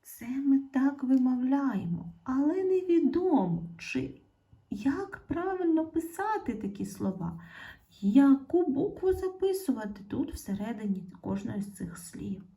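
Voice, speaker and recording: A woman teaching an online lesson to young schoolchildren. She says example words slowly and clearly and talks straight to the children. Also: high-pitched, sing-song, mellow.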